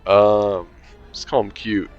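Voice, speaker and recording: On the low side and with little pitch movement, this game streamer's voice moves slowly as he reads a visual novel aloud. His commentary has dry, sarcastic asides and casual swearing, over lo-fi sound with faint music behind.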